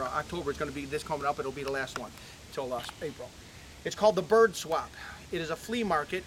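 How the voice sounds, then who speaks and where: Fast-talking folksy man outdoors. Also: a little high, slight background noise. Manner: folksy, chatty, lots of "okay?" and "uh". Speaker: animal ranch owner giving a tour. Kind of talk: casual storytelling to visitors. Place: outdoors on a ranch near a barn.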